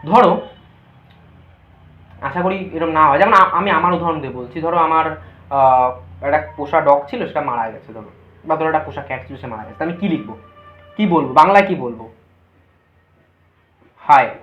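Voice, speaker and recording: Her voice sits low and she speaks fairly quickly, pausing often, as she works through a grammar lesson by asking her students questions and supplying the answers herself. It's a dull, echoey, lo-fi room recording.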